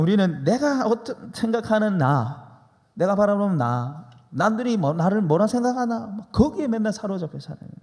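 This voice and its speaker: A man's voice: sits high, gravelly, darkish tone. A man preaching a sermon as pastor, emphatic and leading the congregation in repeating lines. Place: church sanctuary. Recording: long church reverb.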